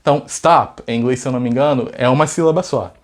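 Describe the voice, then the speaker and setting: Man, Brazilian accent, English teacher, casual video lesson, chatty, rhetorical questions, mid-pitched voice. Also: fast. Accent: Brazilian Portuguese.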